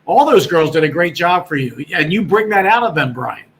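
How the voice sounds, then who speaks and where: Calling in as a guest, a man in his sixties who used to work in radio chats and rambles, often restarting his sentences. His fairly high, fairly bright voice swings widely in pitch at a normal speed, captured in a rough recording.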